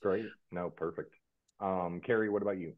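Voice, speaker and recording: Deep-voiced man moderating over a tinny line. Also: fairly even intonation, normal speed. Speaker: webinar moderator. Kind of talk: moderating a panel webinar. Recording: tinny phone-like audio line.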